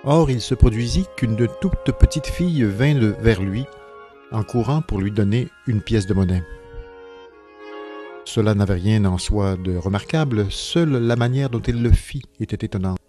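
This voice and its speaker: A man reading a literary story aloud in a measured, expressive way. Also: fairly low pitch, faint music behind. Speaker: reader.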